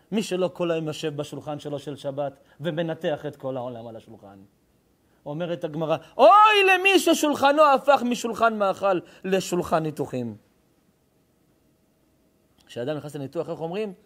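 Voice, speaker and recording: A middle-aged rabbi preaching a sermon. His voice sits a little high for a man. He rises into loud, emphatic declaiming and drops into hushed, intense storytelling.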